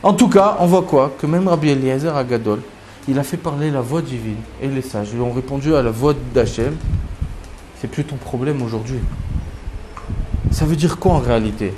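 A man teaching a Talmud story, acting out the quotes with big jumps in pitch. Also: normal speed, dark tone, a little hiss or hum. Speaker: Torah teacher. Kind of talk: lively Talmud story lesson.

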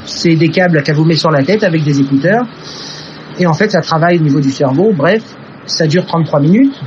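A man's voice: a little high, a little fast, lo-fi sound, a little hiss or hum. Earnest man telling a personal story. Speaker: testimony teller. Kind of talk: personal testimony.

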